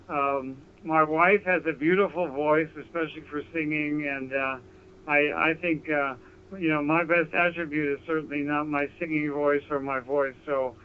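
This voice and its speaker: Over a digital radio link, a man acting as an amateur radio operator makes a casual ham radio contact, courteous and complimentary. His voice is smooth and a little high. He transmits from an apartment, and the audio is narrow and phone-like.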